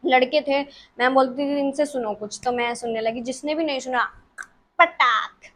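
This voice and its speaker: A woman's voice: high voice, steady tone, fairly quick. A woman of twenty, chatting casually as a vlogger answering follower questions in her bedroom, giggly and self-mocking. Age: 20s. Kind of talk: casual chat.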